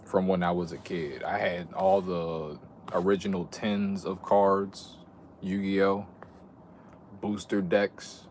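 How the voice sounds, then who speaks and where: A man's voice: low voice, little pitch movement, slow pace, darkish tone. A young adult man chatting casually on a livestream, reminiscing in a laid-back, slangy, rambling way with some swearing. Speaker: streamer. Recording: clear background noise.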